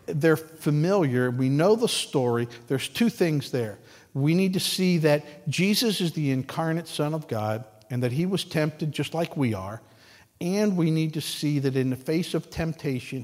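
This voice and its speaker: A man preaches to his congregation, unhurried and folksy, with a slightly high voice. His words ring out in a church sanctuary with long reverb. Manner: conversational and folksy, with some repetitions. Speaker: pastor. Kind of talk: sermon. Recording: long reverb of a large hall.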